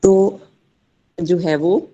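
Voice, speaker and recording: A young woman giving a class presentation, halting with many fillers as she mixes two languages. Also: lowish voice, fairly even intonation, mellow, dull audio. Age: young adult. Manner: hesitant, many fillers, mixes Hindi-Urdu and English. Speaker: student presenter.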